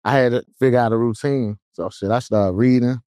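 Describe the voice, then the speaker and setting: A man's voice: medium pitch, fairly even intonation, a little fast, dark tone, dry recording, clean studio sound. Laid-back man in his thirties. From Atlanta, US. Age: 30s. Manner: laid-back, candid, peppered with "you feel me". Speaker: guest rapper. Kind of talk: casual chat.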